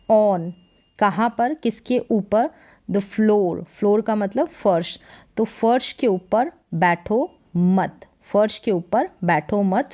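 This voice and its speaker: In a warm, medium-pitched voice, a woman teaches English reading in Hindi. She moves slowly word by word, repeating each one and patiently explaining what it means.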